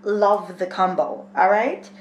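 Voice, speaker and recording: A woman's voice: mid-range voice, slow pace. Young woman, home vlogger, rambling casual chat, held camera close, faint room hiss. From Jamaica. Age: 20s. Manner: chatty, rambling, thinking aloud with many fillers. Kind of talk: casual daily vlog chat. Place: small home kitchen and spare room indoors.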